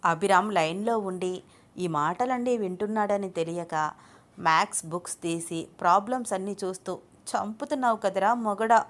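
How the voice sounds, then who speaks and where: A woman narrating a romantic audio story in an even, gentle storytelling voice. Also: fairly low pitch, normal speed.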